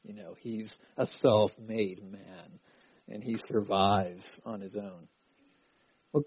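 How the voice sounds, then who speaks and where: A middle-aged man preaches a sermon in a conference hall at a youth conference, speaking conversationally and acting out a frustrated child's cries. His voice is medium-pitched, and the recording is lo-fi with no echo.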